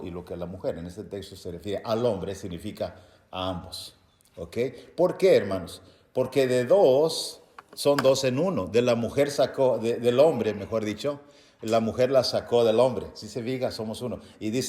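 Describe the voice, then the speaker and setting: A man preaching a Bible-teaching sermon, reading verses aloud and explaining them to his listeners as brothers, with loud emphatic bursts between quieter explanation. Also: lowish voice. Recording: echoey room.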